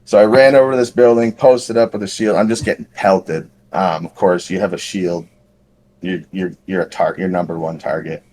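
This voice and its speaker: A man's voice: sits low, steady tone, normal speed, darkish tone, a little hiss or hum. A man on a podcast casually telling a long paintball story, rambling and self-deprecating with lots of fillers. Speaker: podcast co-host.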